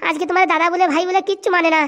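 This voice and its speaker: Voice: extremely high pitch, level tone, rapid-fire, a bit bright. A voice actor playing a whiny, melodramatic, scheming young wife in a cartoon comedy.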